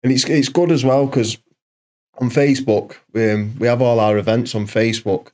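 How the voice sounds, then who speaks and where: A man's voice: medium pitch, steady tone, normal speed, darkish tone. A man talking informally and matily as a guest in a casual chat. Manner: informal, matey. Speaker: podcast guest, community group organiser.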